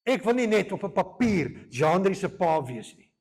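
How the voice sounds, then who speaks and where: A man's voice: high-pitched, big pitch swings, moderate pace, gravelly, darkish tone, breathy edge. A man preaching a sermon as pastor, earnest, moving between Afrikaans and English and repeating phrases for emphasis.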